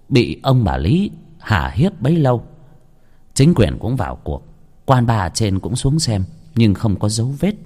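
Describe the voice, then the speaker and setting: A man's voice: lowish voice, darkish tone. A man narrating a horror story with dramatic delivery.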